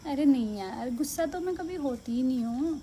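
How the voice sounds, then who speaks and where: A woman speaking softly and gently in a comedy skit, claiming her voice is naturally quiet. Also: high-pitched, expressive, a little fast, a little hiss or hum. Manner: soft-spoken, gentle, mock-innocent.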